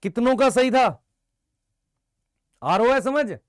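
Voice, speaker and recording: A man teaching a biology lesson, briskly quizzing his students and answering for them, mixing Hindi with English terms. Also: very high-pitched, animated, dry recording, studio quality. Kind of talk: live online exam-prep lecture.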